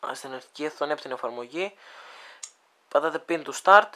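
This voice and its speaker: A video creator gives a casual screen demo of a phone app, thinking aloud with lots of hesitation and addressing viewers like friends. The voice is medium-pitched, expressive, and sharp in tone.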